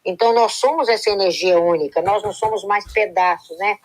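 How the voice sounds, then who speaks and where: Woman musing about the soul, mid pitch, flowing sentences, keeps tagging "né". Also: brisk, crowd noise, low-quality recording. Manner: flowing, reflective, full of "né" tags. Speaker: guest speaker on spirituality. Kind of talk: casual live-stream talk.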